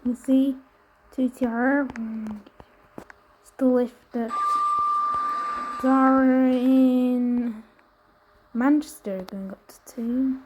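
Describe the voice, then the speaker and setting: A woman with a high voice gives casual running commentary as a tour presenter. She talks slowly in clipped, fragmentary remarks, recorded with clear noise and clicks. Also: steady tone, highs cut off.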